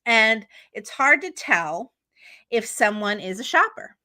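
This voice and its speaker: A woman's voice: a little high, sing-song, takes it slowly, bright, forceful tone. A woman teaching travel agents how to qualify clients, chatty and upbeat, often checking in with "okay?". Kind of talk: teaching talk to an audience.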